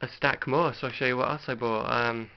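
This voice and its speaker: In a dull, lo-fi home recording, a middle-aged Briton presents his collection for an unscripted show-and-tell vlog, rambling casually with hesitant understatement. His voice is mid-range and smooth, with fairly even intonation and a fairly quick pace.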